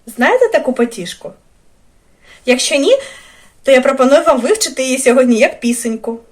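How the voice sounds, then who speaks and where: A woman's voice: sits high, lively intonation, brisk, roomy sound, recorded from a distance. A woman music teacher talking to young children, asking coaxing questions and reciting a nursery rhyme.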